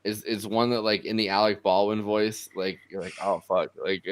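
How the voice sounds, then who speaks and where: A man guesting on a podcast, talking casually in an animated, profane, mocking way. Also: fairly low pitch, moderate pace, clean tone. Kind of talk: casual chat.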